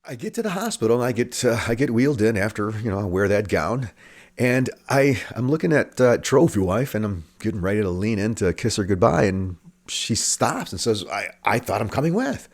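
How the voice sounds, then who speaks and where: Male comic storyteller, lower-pitched, very animated intonation, halting delivery. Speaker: storyteller, former police officer. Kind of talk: comedic personal storytelling monologue.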